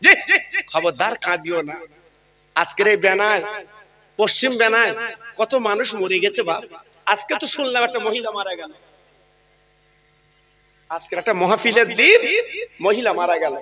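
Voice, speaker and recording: High, bright-voiced comic preacher. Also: male voice, moderate pace, pauses often. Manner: humorous, shouting, emotional swings, addresses crowd. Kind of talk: comic Islamic sermon at an outdoor gathering.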